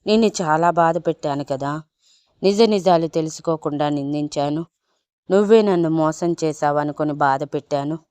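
A tearful young wife from an audio love story, speaking softly and slowly as she begs forgiveness, played by a woman narrator. Her voice is low and smooth, recorded dry and close. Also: dry recording, natural voice. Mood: remorseful. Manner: soft, slow, pleading.

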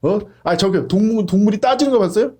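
A man's voice: high voice, quick pace, mellow. A man practicing a sermon, blunt and emphatic, using coarse slang and frequent rhetorical questions. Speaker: pastor.

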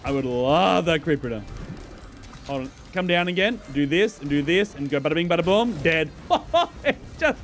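A man giving casual gameplay commentary as a streamer, excitable, swearing and laughing as he talks to his chat. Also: a little high, normal speed, soft background music. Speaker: gaming YouTuber and streamer.

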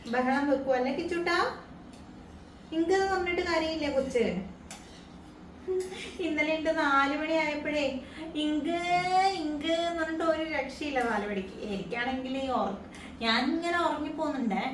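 A woman vlogging at home at night, talking through caring for a child in a soft, explaining voice that turns loud and teasing. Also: sits high, echoey room, far from the mic, background noise. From Kerala. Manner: soft-spoken explaining, then loud playful scolding. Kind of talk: casual home vlog narration.

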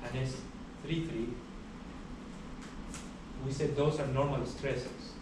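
A young man giving a university lecture in a large hall, explaining steadily with many pauses and uh fillers. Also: mid-range voice, steady tone. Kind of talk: classroom lecture. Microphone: far camera at the back of the room. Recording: echoey hall recorded from far off, background hiss.

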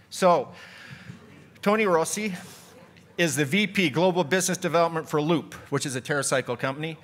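At a conference hall, a male moderator introduces the next speaker by reading from his notes, then chats and jokes with the audience. His voice is a little high with a fairly bright tone.

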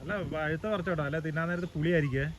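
A man chats casually outdoors. He talks extremely fast in a fairly high voice, with clear noise behind him. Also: fairly even intonation, lo-fi sound. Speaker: farm visitor. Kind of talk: casual chat. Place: outdoors on a farm. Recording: noisy outdoor audio.

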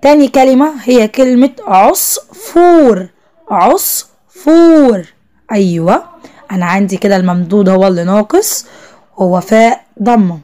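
A young woman with an Egyptian Arabic accent teaching a first-grade Arabic lesson, praising the children and drawing out each word slowly as she spells it. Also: mid-range voice, mellow. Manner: drawn-out slow spelling of words, encouraging praise to children.

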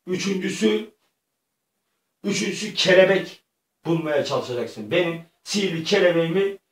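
Man doing a mystery spirit quest-giver, slow and bossy, roomy echo, distant mic. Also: high-pitched, animated, pitched above the performer's own voice. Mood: commanding. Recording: echoey room, mic far off.

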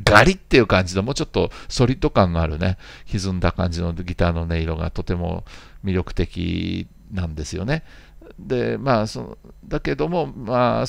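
Man, 50s, low voice, gravelly fry, rambling chatty host reading viewer comments, dry close sound. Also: no echo. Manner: rambling, chatty, with playful asides. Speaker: jazz channel host.

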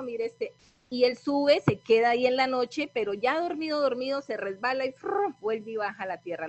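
A woman trainer giving a motivational training talk, telling a story in a lively way and often adding quick tag questions. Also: on the high side, no echo. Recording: dry, slightly dull lo-fi audio.

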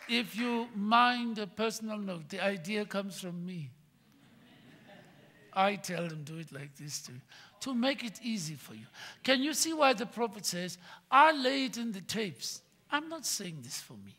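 An older man preaching a sermon from a church pulpit, swinging between loud emphatic bursts and quiet asides. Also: high-pitched, animated, unhurried. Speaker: pastor. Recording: long hall reverb.

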